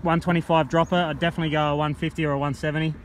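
A man's voice: on the high side, racing. A man, casually talking through a mountain bike and then riding it on an outdoor trail, recorded on an action camera. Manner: relaxed and chatty, gets excited while riding. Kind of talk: casual ride-along bike review. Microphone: helmet or bike-mounted action camera. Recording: faint wind noise on the mic.

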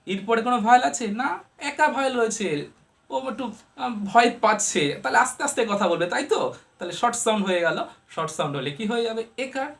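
A woman's voice: a little high, fast, a bit bright. Woman teaching pronunciation, asks and answers. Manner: asks questions and answers them herself; uses everyday family comparisons to explain. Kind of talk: explanatory lesson to viewers.

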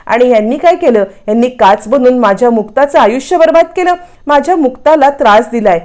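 A woman's voice: high-pitched, darkish tone, pitched above the performer's own voice, close to an everyday voice. A woman voicing an angry middle-aged mother who scolds her son-in-law and repeats her reproaches. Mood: hurt, angry.

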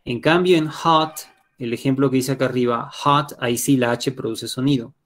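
Teaching English online, a man with a Peruvian Spanish accent speaks fairly quickly in a medium-pitched voice. He's a patient explainer who keeps checking in on his students.

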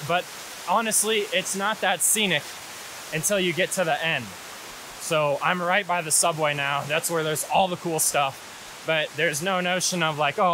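A young American man in his twenties, with a fairly high voice, casually explains things as a hiking and photography guide for his vlog. He's in a canyon beside rushing water, filmed on an action camera held at arm's length. The rough recording has hiss and loud water noise.

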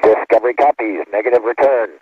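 Give me a man speaking over a crackly spacecraft radio link, like a sci-fi communicator: husky, dull and dry, with terse clipped callouts. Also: medium pitch, fast, dry recording. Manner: clipped, flat acknowledgements. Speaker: shuttle crew member. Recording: dull, muffled lo-fi radio transmission.

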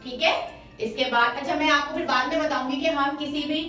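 A high-pitched woman teacher leads a children's lesson. She patiently repeats each sound loudly for the class to copy. She sounds distant and very echoey, with faint music underneath. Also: fairly even intonation, brisk.

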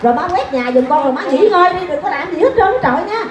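A woman's voice: extremely high pitch, lively intonation, crowd noise. A woman with a Southern Vietnamese accent playing a chattering daughter who fusses over her mother while loading her with chores. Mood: indignant. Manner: rapid, fussing and exclaiming. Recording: echoey stage with music.

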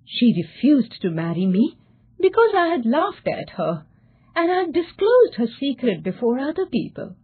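A woman voicing a rich, mean young man who grows lonely, speaking in a high, strained, pleading way. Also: very animated, unhurried, breathy edge, full character voice. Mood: ashamed. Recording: tinny phone-like sound.

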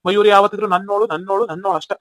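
A man's voice: high-pitched, flat delivery, racing, fairly bright tone, no echo. A man voicing a stubborn young village man in a cartoon, speaking with a North Karnataka Kannada accent. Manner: stubborn, insistent. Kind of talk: cartoon voice acting.

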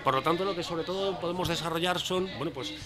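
A man's voice: a little high, fast talker, music in the background. A young man, a publisher's representative, speaking in a street interview at an outdoor book fair stall, fluent but with frequent fillers. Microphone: handheld reporter mic.

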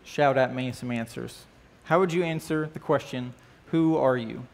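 The speaker is a man whose mid-range voice has a creaky texture, delivered at normal speed. Standing on an indoor church stage with band equipment, he opens a class lesson with a prayer and teaches in a relaxed, talkative manner. Questions to the class come often, along with frequent "uh" and "right?"

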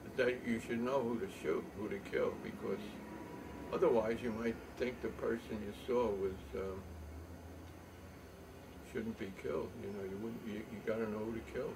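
An older man telling a story in a rambling, halting way, with many pauses and fillers. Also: lowish voice, fairly even intonation. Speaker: show host. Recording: distant mic with faint room noise.

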